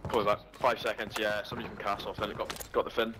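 Fast-talking man on squad comms. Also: fairly low pitch. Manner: rapid, excited callouts. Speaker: gamer teammate. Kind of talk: casual squad voice chat. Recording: loud gunfire and game noise.

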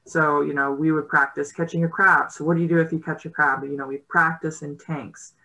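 A woman's voice: sits low, little pitch movement, a little fast, pushed and bright, low-quality recording. A woman in her thirties, a rower on a panel, speaking on a video call in a thoughtful, hesitant way with many fillers. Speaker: guest rower. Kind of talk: casual panel discussion. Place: indoor home room. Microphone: video call laptop mic.

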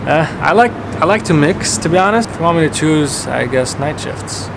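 Man, 20s, casual vlog Q&A, mid voice, roomy sound with steady background noise. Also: fairly high pitch, normal speed. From Canada and Qatar. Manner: relaxed, chatty, frequent fillers and restarts. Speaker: YouTuber answering viewer questions. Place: home office, then outdoor courtyard. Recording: echoey room with clear background noise.

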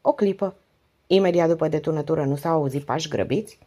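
A patient police commissioner presses a witness with short, pointed questions, voiced by a woman narrator. The voice sits low and warm. It has a husky edge. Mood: probing.

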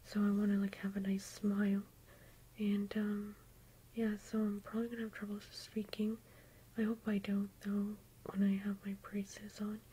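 A woman's voice: mid-range voice, monotone, moderate pace, dark tone, breathy edge, rough recording. A young woman whispering in an ASMR makeup roleplay, gushing compliments and rambling with "like" and "um". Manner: rambling with fillers like "like" and "um". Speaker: ASMR YouTuber.

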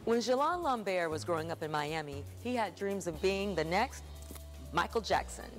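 A woman's voice: on the low side, expressive, moderate pace, over music. A woman hosting an arts program, reading scripted narration with a polished presenter delivery. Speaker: host.

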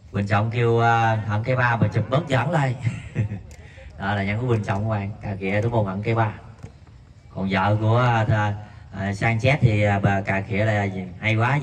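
Recorded on a distant mic with slight background noise, a man gives live amateur commentary on a night five-a-side game under floodlights outdoors. Between plays he reads out viewer messages, and his voice leaps sharply upward whenever there's a shot.

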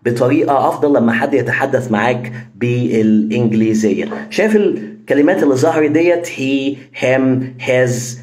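A man with an Egyptian Arabic accent teaching English pronunciation, lively, with quick explanations and slowly spoken example sentences. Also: medium pitch, reverberant. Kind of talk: pronunciation lesson.

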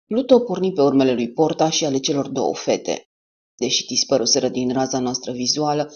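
A woman narrating a war novel as an audiobook in a steady storytelling manner. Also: extremely low pitch, breathy edge. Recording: dull lo-fi audiobook recording.

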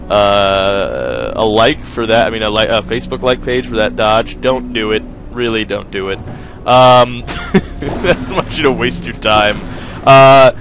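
A young man hosting a gaming video rambles casually over gameplay, joking, poking fun at himself, and talking to his viewers. His voice is medium-pitched and fairly bright, with faint game music in the background.

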